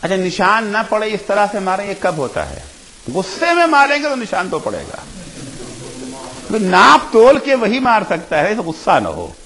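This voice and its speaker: A man delivering an impassioned majlis sermon in a high voice that swings widely in pitch. He asks rhetorical questions, bursts into shouts, then drops low and soft. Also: huge pitch swings, low-quality recording. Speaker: Shia cleric giving a majlis.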